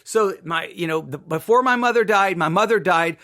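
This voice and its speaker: In a high voice that sounds pushed and bright, a middle-aged Texas man hosting a podcast tells a personal story at a moderate pace. He is from the United States, repeats himself emphatically, and seeks agreement with "right?".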